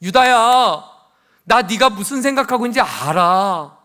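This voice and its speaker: A preacher voicing Jesus as a tender yet urgent teacher, pressing his followers with pleading questions in a high, bright, carrying voice. The tone is close and earnest, a sermon's dramatized quote rather than a stage role. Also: animated, measured pace, exaggerated voice. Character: Jesus, tender but urgent male teacher confronting disciples.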